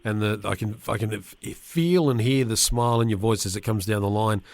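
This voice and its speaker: A man's voice: on the low side, brisk, darkish tone, dry recording. A man hosting a radio interview, asking questions in an enthusiastic, friendly way. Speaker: radio host.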